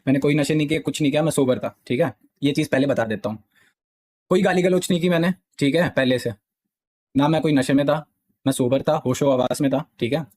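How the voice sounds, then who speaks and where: A man's voice: on the high side, brisk, a little mellow. A young man, a gaming streamer, explaining a dispute insistently to his live-stream chat. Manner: insistent, repeats "theek hai" often.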